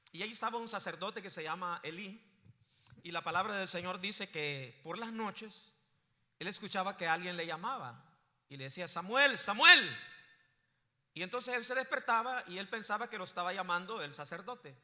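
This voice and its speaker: Male pastor, fairly high voice, church hall reverb. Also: brisk, sharp tone. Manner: rising to emphatic preaching bursts, asks the congregation questions. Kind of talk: sermon.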